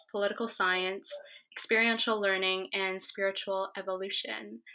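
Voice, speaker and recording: A woman hosting a podcast, reading a guest introduction in an even, steady way. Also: mid-range voice, rough recording. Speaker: podcast host.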